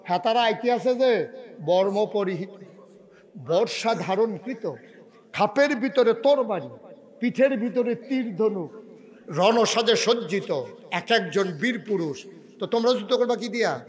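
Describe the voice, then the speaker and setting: High-voiced preacher, dramatic sermon. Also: male voice, animated, measured pace. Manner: dramatic, swings from hushed to shouting and weeping. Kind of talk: Bangla waz sermon with storytelling.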